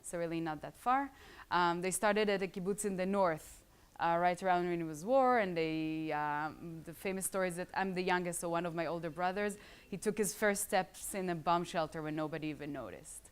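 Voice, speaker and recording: A woman in her thirties, a startup founder with an Israeli accent shaped partly by English schooling, gives a casual talk to a live audience of students. She's chatty and tosses in joking asides. Her smooth, lowish voice runs a little fast, with hardly any pauses.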